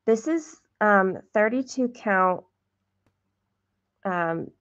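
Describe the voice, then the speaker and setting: A woman's voice: medium pitch, animated, drawn-out words, fairly bright tone, lo-fi sound. A woman hosting a cross-stitch livestream, chatting casually and self-deprecatingly with viewers while counting her stitches.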